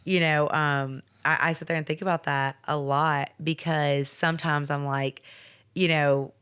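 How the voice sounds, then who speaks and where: A young woman hosts a casual podcast chat in a lowish voice. She talks in an animated, storytelling way and acts out what people said. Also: a little slow, smooth. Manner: chatty, animated storytelling with acted-out quotes. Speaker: podcast host.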